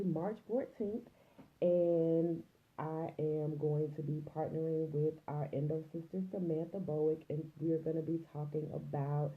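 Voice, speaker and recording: A woman's voice: low voice, phone-quality sound. A woman hosting a live online broadcast, chatty and welcoming, sounding a little nasal and congested from a cold. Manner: chatty, greets viewers by name. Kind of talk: casual livestream chat.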